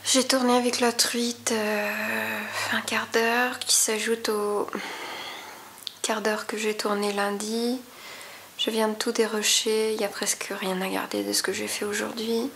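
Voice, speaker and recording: A woman records a casual diary vlog at home, speaking slowly in a tired, hesitant voice that often drops to a whisper. Her pitch sits a little high. A faint hiss lies under the recording. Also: little pitch movement, a bit bright. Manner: talks to her cat in a high baby voice. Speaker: vlogger.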